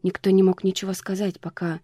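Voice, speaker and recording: Audiobook narrator, flat steady read, dry close sound, faint music under it. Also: medium pitch, fairly quick, no echo. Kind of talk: scripted narration.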